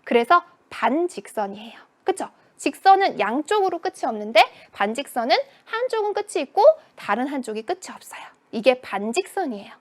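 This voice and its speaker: A woman's voice: sits high, big pitch swings, a little fast, hardly any pauses. A woman teaching a children's math lesson, asking questions and answering them in a playful voice. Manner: sing-song, questions and answers to herself.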